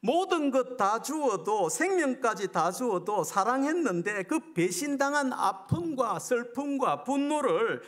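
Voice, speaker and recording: Middle-aged male revival preacher with a high-pitched, animated, emphatic delivery built on rhetorical questions. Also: measured pace, few pauses. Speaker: guest preacher at a revival meeting. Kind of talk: sermon.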